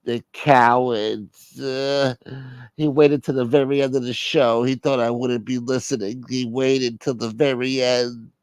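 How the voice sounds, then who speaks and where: A sorrowful, vengeful old mob mother, put on by a man for a comedy bit, mumbling low and slow. She draws out every grievance in a dry, close sound. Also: fairly even intonation, smooth, no echo, lightly acted. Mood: brooding. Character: older gangster mother, mournful and vengeful.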